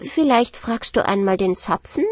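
A woman's voice: medium pitch, lively intonation, moderate pace, no echo, natural voice. A woman voicing a cheeky, clever female rat who answers coolly and innocently in a storybook. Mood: sly innocent. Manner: cool, innocent, mocking.

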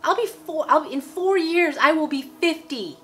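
Bright, emphatic woman in her forties preaching. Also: high voice, expressive, normal speed. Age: 40s. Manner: emphatic, repeats phrases, asks "okay?". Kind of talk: casual video sermon. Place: indoor room at home.

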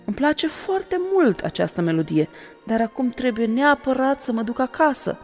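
A woman's voice: fairly high pitch, lively intonation, a little mellow, long reverb tail, faint music behind, pitched above the performer's own voice. A woman voicing a kind, worried young girl, pleading and urgent, in a storybook reading.

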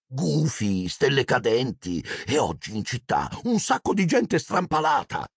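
A man's voice: mid-range voice, wildly swooping pitch, a little slow, creaky, breathy edge, dry recording, studio quality, voice pushed up, heavily acted. A man voicing a nervous, stuffy middle-aged husband who mumbles and hesitates, in an audiobook reading.

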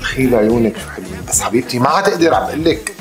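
A man plays a flustered diner who pleads and protests. His speech is rapid and lively in pitch. The room is echoey, with music playing behind. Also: natural voice. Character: flustered man desperate to leave the table.

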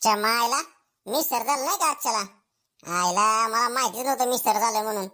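A woman's voice: a little high, brisk, pushed and bright. A woman voicing a blustering schoolboy who gets to be teacher for a day, in a village comedy skit, full of cheeky asides to himself. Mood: cocky. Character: brash boastful schoolboy made teacher for a day, male.

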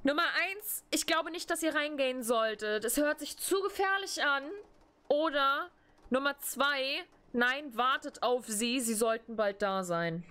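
A woman's voice: high-pitched, measured pace, bright, forceful tone. A woman streaming a game, translating its lines aloud and reacting bluntly with casual swearing. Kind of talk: live gameplay commentary, translating dialogue.

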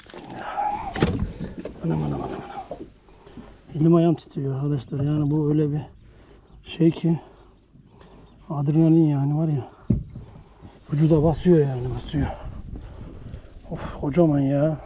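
A man filming himself fishing outdoors by a lake, talking breathlessly and excitedly and muttering prayers under his breath. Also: fairly high pitch, normal speed, pauses often, slight background noise. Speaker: fishing vlogger.

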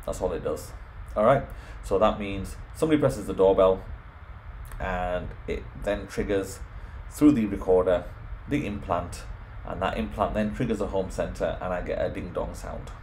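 This informal home automation screen walkthrough features a man explaining each step. He has a deep, slightly mellow voice at normal speed, and there's a little hiss or hum.

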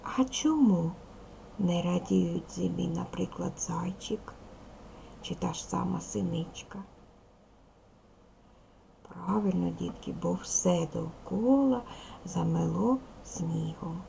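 Gravelly-voiced woman teaching young children. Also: on the low side, slow pace, pauses often, warm tone, slight background noise, poor audio. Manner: patient, addresses children with questions and praise; reads a poem aloud expressively. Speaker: primary school teacher. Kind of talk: recorded video lesson for children.

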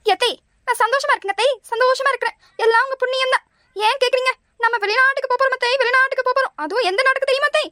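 Cartoon daughter-in-law, young, wheedling, very high voice, rapid talk. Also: female voice, expressive, bright, forceful tone, dry recording, studio quality, heavily acted. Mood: excited. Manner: pleading, chatty. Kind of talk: cartoon voice acting.

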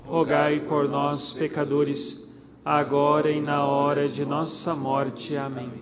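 Man, Brazilian Portuguese accent, rosary prayer, fairly high voice, flat steady chant. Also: takes it slowly, crowd noise. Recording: long reverb with background music.

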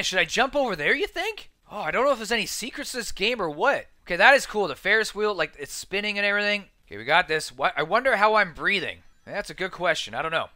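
A man narrating his own gameplay in a casual, chatty way, quick to exclaim and to poke fun at himself. His voice sits high and bright, with lively leaps up and down in pitch. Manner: excitable, chatty, self-deprecating, lots of exclamations; talks to himself while playing on a keyboard. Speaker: gaming video host. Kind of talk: casual let's-play commentary.

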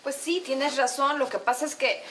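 A woman's voice: high voice, steady tone, normal speed, noisy background, close to an everyday voice. An actress playing a strict, impatient mother who scolds in an exasperated way. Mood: scolding.

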